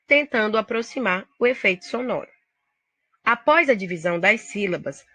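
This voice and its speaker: A woman's voice: fairly high pitch, sharp tone, slightly rough, no room sound. A woman teacher with a Brazilian Portuguese accent, explaining poetry step by step to her students in a recorded video lesson. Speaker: literature teacher.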